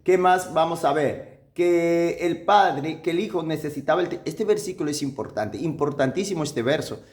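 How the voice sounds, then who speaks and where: A male pastor teaching from the Bible, reasoning step by step with rhetorical questions and repeating key points for emphasis, slowing down to read verses aloud. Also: fairly high pitch, a little mellow. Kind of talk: sermon-style Bible teaching.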